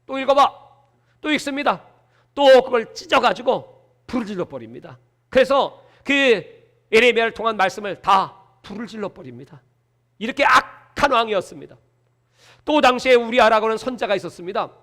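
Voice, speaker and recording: A male pastor delivering a sermon with animated, dramatic storytelling. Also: very high voice, a little fast.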